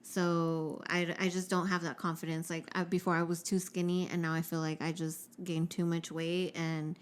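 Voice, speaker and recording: A woman's voice: fairly low pitch, little pitch movement, normal speed. A young woman and podcast co-host in casual chat, talking frankly with lots of swearing, filling her talk with "like" and dropping in Spanish words. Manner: frank and profane, heavy use of "like".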